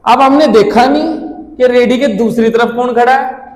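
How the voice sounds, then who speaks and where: A young man doing stand-up storytelling, animated, acting out his friends' lines and swearing freely. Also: extremely high pitch, normal speed. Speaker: stand-up comedian. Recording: echoey hall with long reverb.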